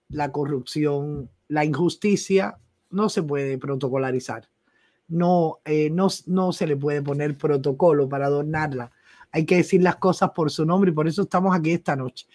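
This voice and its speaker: Her deep, slightly mellow voice carries a Cuban accent as this middle-aged woman from Cuba hosts a live news stream from a compact home studio. Into a desk microphone, she chats affectionately and casually, welcoming viewers by name and reading their comments aloud.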